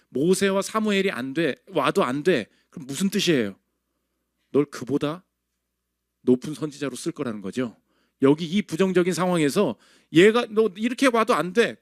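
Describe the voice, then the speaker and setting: A male pastor preaching a sermon in an animated way, acting out the voices he quotes. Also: a little high, normal speed, dry recording, clean studio sound.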